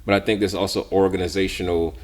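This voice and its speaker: A man with a very low voice co-hosts a casual podcast discussion. He thinks out loud and stumbles over repeated words as he works toward each point. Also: flat delivery. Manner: halting, repeats words while thinking aloud. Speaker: podcast co-host.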